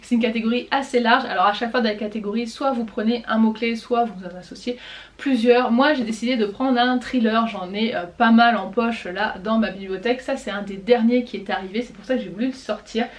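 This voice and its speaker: Young woman, kinda high voice, chatty book vlog from home, lots of little pauses. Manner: chatty, with frequent "euh" pauses while reading notes. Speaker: book vlogger. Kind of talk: casual reading-list vlog.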